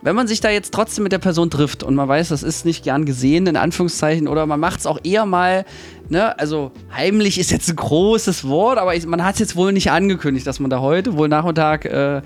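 A playful young man with a slightly raised voice, bantering and teasing his co-host. Faint music sits under the conversation. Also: on the high side. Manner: playful, quick to laugh, asks teasing questions. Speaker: podcast co-host. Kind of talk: casual chat.

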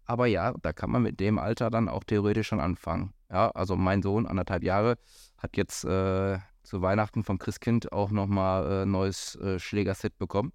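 A man's voice: sits low, steady tone, moderate pace, a little mellow, no echo, clean studio sound. A man talking as a golf pro in a casual podcast chat, hesitant, with many fillers and restarts. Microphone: studio microphone.

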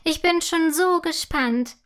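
A woman voicing an excited, eager little girl in a children's story. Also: sits high, measured pace. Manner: eager, bubbly.

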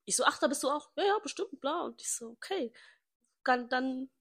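Young woman, slightly high voice, chatty podcast host, acts out every line she quotes. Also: normal speed. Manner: animated storyteller, acts out quoted dialogue, laughs often. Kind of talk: casual chat.

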